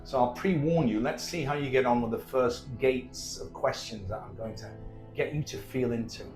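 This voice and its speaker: A man presenting a guided self-help talk from inside a cable car, in deliberate, halting phrases. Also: mid-range voice, a little mellow. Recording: echoey small cabin acoustics, music.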